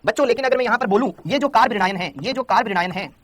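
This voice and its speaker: A man's voice: high-pitched, very fast, a bit bright. A young man teaching a chemistry lecture, repeating points and coaxing his students to answer. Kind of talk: Hindi classroom lecture.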